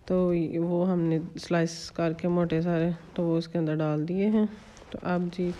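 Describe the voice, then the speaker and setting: A woman's voice: on the low side, dark tone, dull audio. Homely woman narrating a recipe. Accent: Pakistani Urdu. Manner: chatty, homely, explains step by step with fillers. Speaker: cooking channel host.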